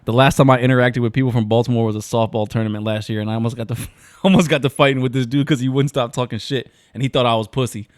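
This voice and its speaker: A young man co-hosting a podcast, chatting loosely and jokingly in slangy talk, now and then slipping into quick impressions of other people. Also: mid-range voice, fairly even intonation, dry recording, studio quality. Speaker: podcast co-host. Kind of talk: casual chat.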